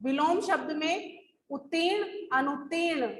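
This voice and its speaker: A woman's voice: high-pitched, a little slow, roomy sound, a little hiss or hum, rough recording. A woman schoolteacher going over lesson answers, explaining patiently step by step. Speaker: school teacher. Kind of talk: recorded class lesson.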